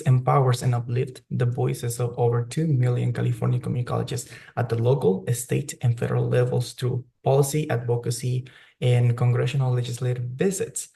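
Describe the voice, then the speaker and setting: A young adult man who grew up in Mexico, a student leader, offers earnest personal testimony at a news briefing over a remote call. His mid-range voice is gravelly and warm, and he restarts himself now and then.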